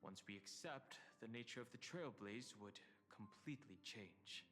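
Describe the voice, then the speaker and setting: A man's voice: on the low side, moderate pace, a bit bright, in a large hall, close to an everyday voice. Man playing a grave cautious older man.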